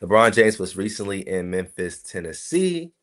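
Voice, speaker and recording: A man's voice: low voice, sing-song, moderate pace. A man from South Carolina, hosting a casual solo podcast and talking to his listeners in a chatty, rambling way. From South Carolina, USA. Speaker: podcast host.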